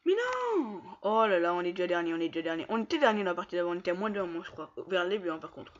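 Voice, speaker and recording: A man commenting casually on his own online matches, taunting opponents and breaking into excited yells. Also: high voice, very fast, lo-fi sound. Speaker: gamer streaming gameplay.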